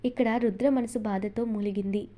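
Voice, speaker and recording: A woman narrating a novel as an audiobook in steady, expressive storytelling. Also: medium pitch, normal speed.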